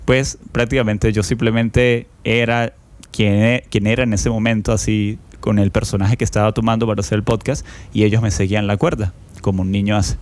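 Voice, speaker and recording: A man with a somewhat low voice talks alone as a podcast host, recounting a personal memory. His delivery is unhurried and reflective, loosely strung together with small fillers. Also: flat delivery. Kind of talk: personal storytelling monologue.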